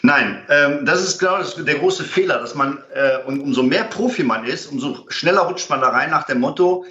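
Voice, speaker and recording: A man's voice: fairly high pitch, animated, normal speed, sharp tone. A man as an interview guest, explaining conflict resolution with many fillers and acted-out example dialogues. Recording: roomy, dull lo-fi sound.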